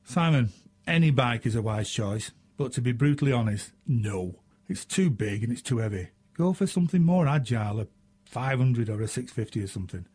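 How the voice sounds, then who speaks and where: Husky northern English radio host. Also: male voice, medium pitch, animated, brisk, a little mellow. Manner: chatty, self-mocking, frequent ums and uhs. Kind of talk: casual radio chat answering listener questions.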